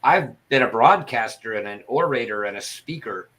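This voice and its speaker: A man's voice: mid-range voice, lively intonation, normal speed, pushed and bright, poor audio. A man chatting casually on a livestream in a self-deprecating, storytelling way, with a lisp and whistling s sounds from missing front teeth. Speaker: livestream participant and former broadcaster.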